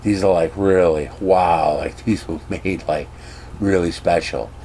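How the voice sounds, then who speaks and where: A man vlogging casually, rambling and animated as he gives strong opinions. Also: low-pitched, unhurried, slight background noise.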